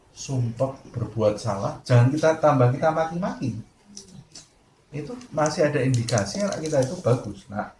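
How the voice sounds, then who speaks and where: A male Islamic preacher giving a sermon, telling stories and acting out the lines of the people in them. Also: mid-range voice. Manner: lively storytelling, acting out quoted dialogue. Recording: echoey room with faint noise.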